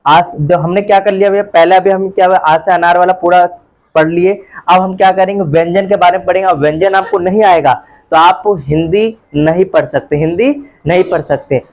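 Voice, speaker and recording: A man teaching a live Hindi alphabet class, leading pupils in call-and-repeat and chanting the letters loudly while coaxing them along. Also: high-pitched, steady tone, a little fast. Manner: coaxing, calls pupils beta and bhaiya. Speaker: tutor.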